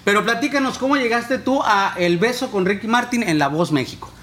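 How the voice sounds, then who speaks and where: A man's voice: high-pitched, lively intonation, fairly quick, a bit bright. A man with a Mexican Spanish accent hosting a podcast, asking questions in a joking, teasing way. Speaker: podcast host. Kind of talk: casual podcast chat.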